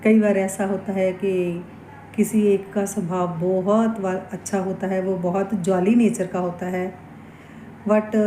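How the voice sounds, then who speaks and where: A woman giving a slow, earnest devotional talk as a vlogger, reflecting aloud on forgiveness and faith. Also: medium pitch, mellow, roomy sound, slight background noise, rough recording. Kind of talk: casual spiritual talk.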